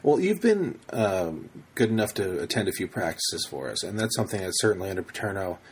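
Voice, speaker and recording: A man's voice: sits low, very animated, brisk, breathy edge. A man in his thirties hosting a casual podcast interview, rambling through his thoughts with frequent restarts and asides. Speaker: podcast host.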